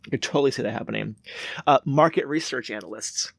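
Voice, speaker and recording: A man's voice: medium pitch, fast, creaky, a bit bright, no room sound, studio quality. A man co-hosting a podcast, walking through statistics in a matter-of-fact, casual way. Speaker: podcast co-host. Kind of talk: casual chat.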